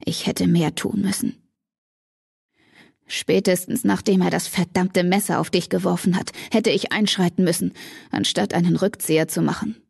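A woman voicing an intense young man who is protective and angry, speaking low and curt. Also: fairly even intonation, normal speed, creaky, a little mellow, breathy edge, no room sound, studio quality, exaggerated voice. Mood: brooding.

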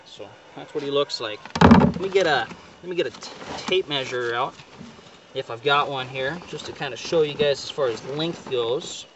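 Out on a lake in a boat, a young man from northern Ontario who works as a fishing guide talks casually about his catch at a normal speed in a mid-range voice. He's chatty and cheerful, leaning on "right" and "you know." A companion films from a few feet away, so the outdoor sound is dull, distant, and noisy.

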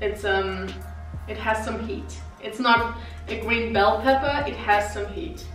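Young woman vlogger, slow and giggly, tasting food, higher voice, recorded far off in an echoey room with soft music. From Vienna. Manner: chatty, giggly, tastes food while talking. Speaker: vlogger reviewing vegan food. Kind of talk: casual food review. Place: living room with wicker sofa, indoors. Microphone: far camera.

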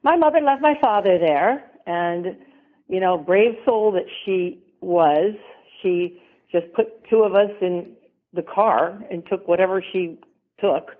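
A woman's voice: fairly low pitch, takes it slowly. A middle-aged woman, a former model, chatting as an interview guest, rambling and laughing often. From American South. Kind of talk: casual interview talk. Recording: tinny phone-line sound.

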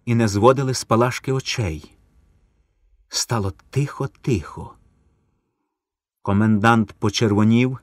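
A man giving a solemn, measured literary reading of a wartime story. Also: medium pitch, dry recording, studio quality. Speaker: narrator.

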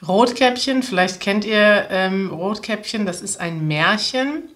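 A woman's voice: medium pitch, slow, fairly bright tone. A woman, explaining jokes step by step to language learners. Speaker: language teacher and presenter. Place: small room indoors, seated at a table.

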